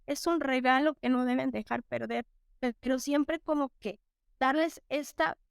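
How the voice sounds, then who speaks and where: A woman's voice: sits high, measured pace, gravelly, clear, resonant tone, no room sound, clean studio sound. A Mexican woman in her thirties, a teacher and interview guest, telling stories reflectively with many fillers and restarts.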